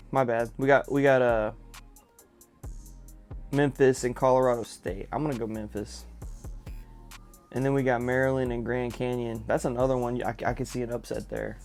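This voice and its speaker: A young man, casually running through his picks in a relaxed, repetitive vlog chat. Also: medium pitch. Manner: laid-back, drawling, repeats himself, filler words. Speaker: fragrance vlogger.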